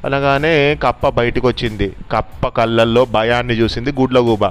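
Brief: a man patiently narrating a children's story, with a smooth, clear voice and soft music behind him. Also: medium pitch, steady tone, moderate pace. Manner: explaining patiently.

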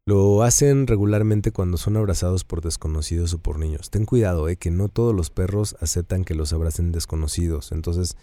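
A man with a Mexican Spanish accent co-hosting a casual chat about dogs, animated and acting out what people say. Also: deep voice, dry recording. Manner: animated, acts out quoted dialogue in a raised voice. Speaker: co-host.

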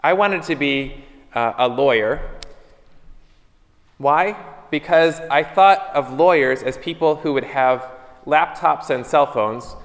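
A man's voice: mid-range voice, a bit bright. A man, a priest, speaking steadily at a pulpit microphone, reading the gospel and preaching a homily in a church. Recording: long church reverb.

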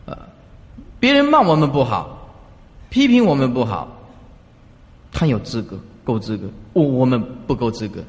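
Animated man giving a Buddhist talk. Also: mid-range voice, moderate pace, long pauses. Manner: earnest, exhorting, asks rhetorical questions. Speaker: Buddhist teacher. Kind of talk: dharma talk. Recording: long reverb of a large hall.

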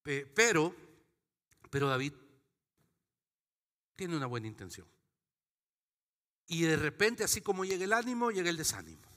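A man's voice: on the high side, very animated, normal speed, pauses often, pushed and bright, big-room sound. A man, preaching a sermon as pastor in a conversational, joking way with little acted-out asides. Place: church sanctuary.

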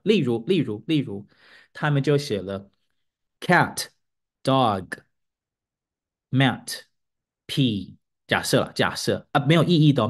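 A man hosting a casual podcast as an English teacher, telling a classroom story and sounding out English words to show intonation. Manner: animated storytelling, pitch rising as he gets excited; demonstrates English word intonation aloud.

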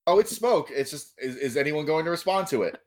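A man's voice: fairly high pitch, expressive, fairly quick. A man acting as game master, bantering casually and teasingly with his players and swearing freely. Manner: teasing, jokey.

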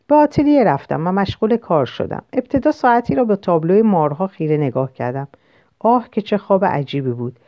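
Woman audiobook narrator, first-person novel, measured literary reading, low voice, dull lo-fi dry recording. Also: sing-song, no room sound.

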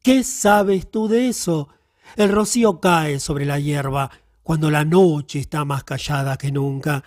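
A man voicing a stern, voiceless spirit of the silent hour in an audiobook, speaking slowly and solemnly. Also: a little high, darkish tone, no room sound, studio quality, lightly acted. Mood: stern, admonishing.

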